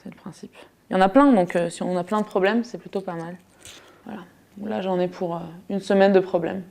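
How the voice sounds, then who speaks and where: Playful woman from France and Costa Rica, mid-pitched, relaxed delivery. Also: a little fast, creaky. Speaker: interviewee. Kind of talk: casual talk while emptying her handbag.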